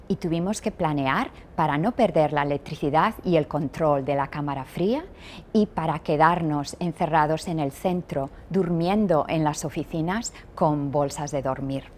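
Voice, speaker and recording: A woman engineer hosting an interview, speaking in a measured, scripted way. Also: sits low, darkish tone, a little hiss or hum. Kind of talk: hosted interview.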